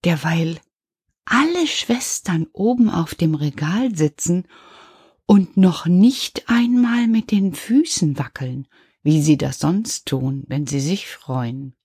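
Woman reading a kids story, slow and kinda lowish, husky voice, dry sound. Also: animated, a little mellow, dry recording. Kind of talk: reading a children's story aloud.

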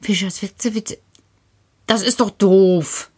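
A woman presenting a children's show, chatting with a puppet figure and musing aloud slowly. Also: medium pitch, darkish tone, husky. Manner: slow, musing, wondering aloud.

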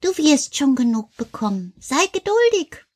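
A woman voicing Karl, a calm, patient male helper who gently corrects and soothes. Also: sits high, moderate pace.

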